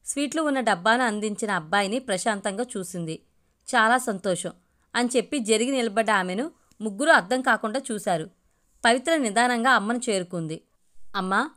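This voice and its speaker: A woman's voice: fairly high pitch, expressive, fairly quick, fairly bright tone. Woman reading a story aloud.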